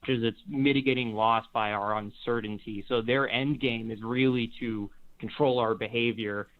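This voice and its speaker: A man's voice: mid-range voice, fairly even intonation, normal speed. A man from Massachusetts calling in to a live show, heard over a phone line, rambling as he thinks aloud. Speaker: caller. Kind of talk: casual call-in chat. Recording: dull phone-line audio.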